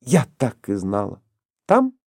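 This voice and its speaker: A man reading a storybook, voicing an eager, stubborn young woman prospector in a lifted, excited voice. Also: on the low side, takes it slowly, creaky, slightly rough, dry recording, studio quality, heavily acted. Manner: excited, insistent.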